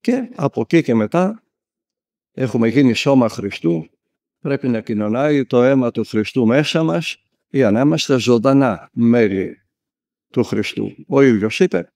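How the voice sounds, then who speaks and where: Greek monk giving a sermon, raspy fry in his voice, mid pitch, tells stories like he's acting them out. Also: expressive, darkish tone, no room sound, studio quality. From Greece. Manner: vivid storyteller, acting out the people he quotes. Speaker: monk and spiritual elder. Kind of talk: spoken sermon.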